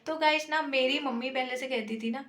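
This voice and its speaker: A woman's voice: high voice, fairly quick, fairly bright tone. A young woman vlogger talking to her viewers in an earnest, chatty way, with many fillers. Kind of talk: casual talk to camera. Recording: echoey room, faint background noise.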